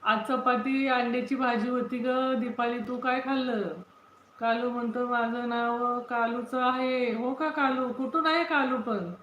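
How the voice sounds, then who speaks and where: Slow, chatty woman on a phone livestream. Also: a little high, steady tone, slight background noise. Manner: chatty, greets viewers by name, repeats questions. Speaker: livestream host. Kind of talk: casual livestream chat reading viewer comments. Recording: roomy, dull lo-fi phone audio.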